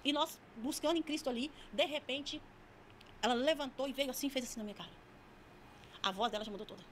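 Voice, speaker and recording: Rapid-talking woman giving a testimony. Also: high voice, slight background noise. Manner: vivid, emphatic storytelling. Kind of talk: dramatic personal testimony.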